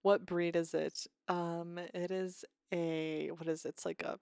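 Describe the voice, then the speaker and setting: A woman's voice: lowish voice, little pitch movement, a little slow, gravelly, darkish tone, clear, resonant tone, no room sound, studio quality. A woman streamer chatting casually with her viewers, rambling and restarting her sentences, a little unwell with a cough.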